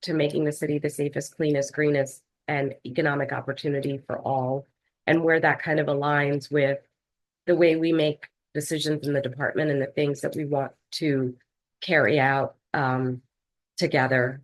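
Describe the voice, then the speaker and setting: A woman leading a health department, presenting slides to a board over a video call in a measured way with frequent fillers. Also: low voice, flat delivery, poor audio. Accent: Philadelphia. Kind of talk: formal online meeting presentation.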